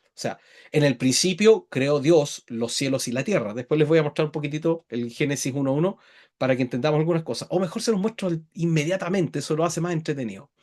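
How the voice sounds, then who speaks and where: A fairly high-voiced man gives an online Bible lesson. He explains step by step and often pauses to check that his listeners follow. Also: a little mellow. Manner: patient explaining, checks in with frequent tag questions. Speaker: Bible teacher.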